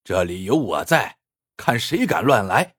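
A man's voice: on the low side, sing-song, unhurried, fairly bright tone, dry recording, clean studio sound, exaggerated voice. A man voicing a sly, scheming fake Taoist priest who talks in a mocking, sing-song way.

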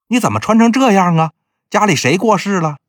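A man's voice: high voice, animated, fairly quick, no echo, clean studio sound, voice pushed up. A man voicing a shrewd, chatty older woman slave broker who talks in a nosy, teasing way. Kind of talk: storytelling with character voices.

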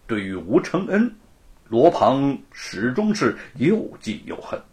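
Slow, measured male storyteller. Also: mid-range voice, sing-song, a little mellow. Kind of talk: scripted storytelling narration.

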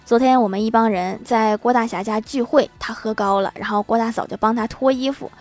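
A woman hosting a show, telling scripted jokes briskly and laughing at the punchlines. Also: on the high side, a little mellow, faint music behind. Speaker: host. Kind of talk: scripted joke narration.

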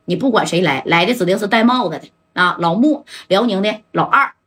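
Northeastern Chinese woman spinning a gangster tale, bright edgy voice with a husky grain, slangy asides. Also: medium pitch, expressive, a little fast. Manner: colloquial, swearing, dramatic asides to listener. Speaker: storyteller. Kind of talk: gangland storytelling with voiced characters.

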